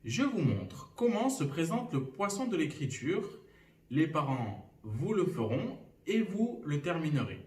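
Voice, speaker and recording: A male teacher giving a lesson from home to young children, speaking slowly and clearly and sounding out syllables. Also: on the high side, sing-song, a little mellow. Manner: slow and clearly articulated, clapping out syllables. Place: a room at home. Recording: roomy echo, somewhat far from the mic.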